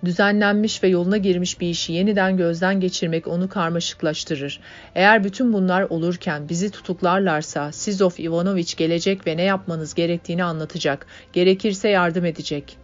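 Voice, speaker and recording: A soft-spoken young workman, as a woman reads him in a storybook reading. Her voice sits low, and the recording is dull, with faint music behind. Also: steady tone, fairly quick, natural voice. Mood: gentle. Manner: sweet, soft-spoken telling. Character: young male worker, gentle storyteller.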